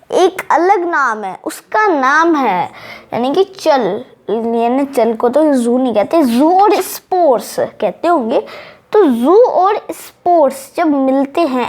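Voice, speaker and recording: Woman teacher, high voice, unhurried delivery, drills each term by repeating it. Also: very animated, a little mellow. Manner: repeats key terms slowly, drilling pronunciation. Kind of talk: casual online lesson.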